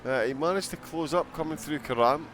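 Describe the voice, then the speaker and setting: A man's voice: a little high, brisk, fairly bright tone, slight background noise. A man commentating a live sim-racing broadcast, chatting and giggling as he reacts to viewers' chat between race calls.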